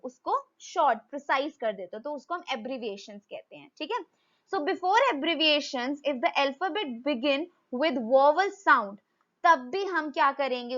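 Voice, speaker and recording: A woman's voice: sits high, bright, forceful tone, dull audio. A woman with an Indian accent teaching English grammar, mixing Hindi and English and asking the class questions that she then answers herself. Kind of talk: explaining grammar in a video lesson.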